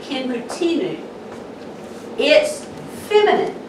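Southern woman pastor, slow emphatic preaching, bright high voice, roomy church sound off-mic. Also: huge pitch swings, slight background noise. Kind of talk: sermon. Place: church sanctuary. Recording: echoey church hall, mic from a distance.

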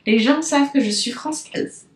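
A woman's voice: high voice, normal speed, echoey room. Chatty French woman with a rambling podcast monologue. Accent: French from France. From France. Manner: rambling, chatty, loses her thread and digresses; talks directly to listeners with frequent fillers. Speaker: business coach and podcast host. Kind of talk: unscripted casual podcast monologue.

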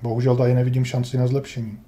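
Dark-voiced man grumbling through a retro game. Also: mid-range voice, flat delivery, slight background noise. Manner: wry, grumbling, talks to himself while playing. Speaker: gameplay commentator. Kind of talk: casual let's-play commentary.

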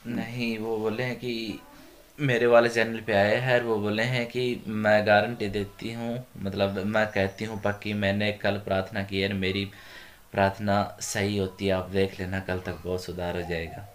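Low flat guy chiming in casually, faint hiss behind. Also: normal speed. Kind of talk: casual chat.

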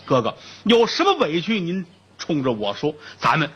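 A man's voice: fairly high pitch, very animated, normal speed, a bit bright, slightly rough, heavily acted. A man voicing a loyal, urgent male jailer pleading with his friend, in a told story.

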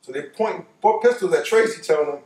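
Sitting on a living room couch indoors, an older American man tells a personal story casually and colloquially, repeating phrases for emphasis. His voice is a little high, animated, fast, and darkish, captured by a distant microphone with a roomy sound.

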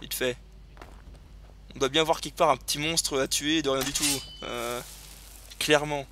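A man hosting a casual let's play, excitable and chatty as he thinks aloud. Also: on the high side, moderate pace, background noise. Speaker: gaming video host. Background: video game sounds.

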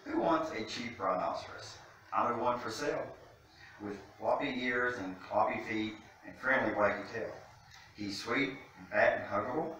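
A middle-aged man, a city official appearing as a guest storytime reader, reads a picture book aloud to children while seated by a fireplace mantel indoors. His voice is lowish, bright, and forceful at a moderate pace, caught by a distant camera mic in a very echoey room with faint noise.

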